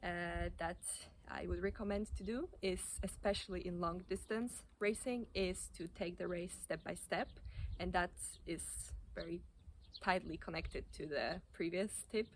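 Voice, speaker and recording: A woman giving informal running advice in a halting, hesitant way, often restarting her sentences. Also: lowish voice, steady tone, a little hiss or hum. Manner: hesitant, halting delivery with repeated self-corrections. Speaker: running coach or athlete giving tips. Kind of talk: informal advice talk to camera.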